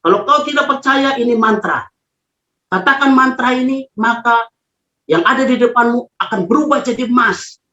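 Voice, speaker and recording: A man's voice: very high voice, moderate pace, pushed and bright, far from the mic. A man voicing Lucifer as a coaxing, commanding male devil spirit while retelling a story in a sermon. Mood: tempting. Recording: echoey, dull lo-fi room recording.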